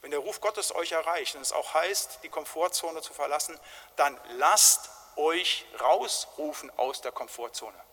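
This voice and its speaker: A man's voice: a little high, a little slow, pushed and bright. A man preaching a sermon in an emphatic, colloquial way, often tagging his points with short questions. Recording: long reverb of a large hall.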